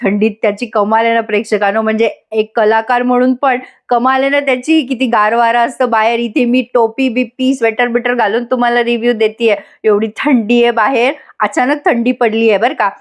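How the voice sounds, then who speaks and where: A woman's voice: on the high side, steady tone, brisk, hardly any pauses. Chatty woman recapping a soap. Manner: chatty, laughs often, addresses viewers. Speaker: TV serial reviewer. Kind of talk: voice-over episode recap.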